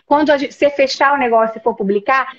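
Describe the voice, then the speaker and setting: A woman from Brazil with a high, bright-topped voice tells classroom stories in a casual video call, animating every scene. The audio is slightly dull and lo-fi. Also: quick pace. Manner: animated storyteller, acts out scenes. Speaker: host, university professor.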